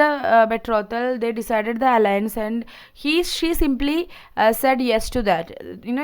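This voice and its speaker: Clear, higher-voiced woman lecturer. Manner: explanatory, repeats and rephrases points, checks with "okay" and "see". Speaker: literature lecturer. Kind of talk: informal lecture summarizing a play.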